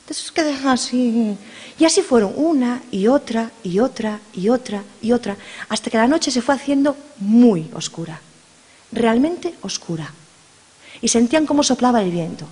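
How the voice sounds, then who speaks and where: A woman's voice: on the high side, lively intonation, normal speed, mellow, husky. A middle-aged woman telling a story live to an audience, playful and dramatic, speaking directly to her listeners. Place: hall with an audience. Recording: long hall reverb.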